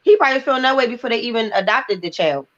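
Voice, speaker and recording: Fast-talking woman co-host, dull sound. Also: on the high side, lively intonation, fairly bright tone. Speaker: podcast co-host. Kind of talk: casual panel chat.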